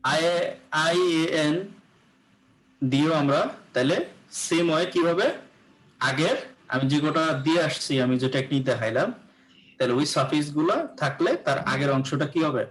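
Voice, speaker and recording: A man with a Bangladeshi accent leads a live pronunciation lesson. His voice sits a little high, and he explains step by step, often asking whether the class follows. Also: fairly quick, low-quality recording. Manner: explains patiently, often checks understanding with rhetorical questions. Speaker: English pronunciation teacher.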